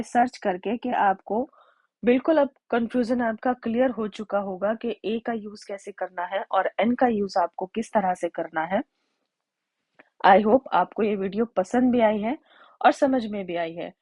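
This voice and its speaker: A woman teacher explaining a grammar lesson, spelling out examples slowly and repeating them. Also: mid-range voice, a little mellow, dry recording. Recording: dull lo-fi sound.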